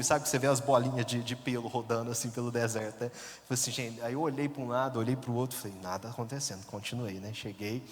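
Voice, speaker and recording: Man, Minas Gerais accent, priest, humorous storytelling sermon, self-mocking, mid pitch, long hall reverb. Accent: Minas Gerais Brazilian Portuguese. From interior of Minas Gerais, Brazil. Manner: chatty, self-mocking, laughs often, addresses crowd as "gente".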